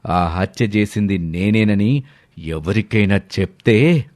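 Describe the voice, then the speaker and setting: A man's voice: on the low side, lively intonation, slow, darkish tone, no echo, studio quality. A man voicing a ruthless, greedy middle-aged villain uncle in a storybook drama, speaking coldly and threateningly. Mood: menacing. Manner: cold, threatening. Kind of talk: storybook voice acting.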